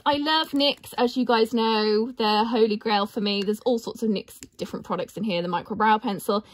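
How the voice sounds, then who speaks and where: A bubbly young woman with a British accent, chatting enthusiastically through a casual makeup tutorial. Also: a little high. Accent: British English. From Britain. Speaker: beauty vlogger.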